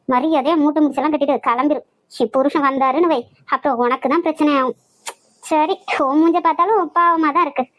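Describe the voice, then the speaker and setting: A woman with a Nagercoil Tamil accent voicing a feisty young woman in a cartoon, loud and quick-tongued. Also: high-pitched, natural voice, rough recording. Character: feisty young woman job-seeker, brash and fearless. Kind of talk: cartoon voice acting.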